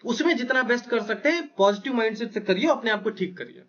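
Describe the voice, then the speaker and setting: A man's voice: extremely high pitch, expressive, fast talker, a bit bright, highs cut off. A man giving blunt, emphatic, brotherly study advice to exam students as their mentor. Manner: blunt, emphatic, brotherly, with frequent "right?" check-ins. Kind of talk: motivational advice talk.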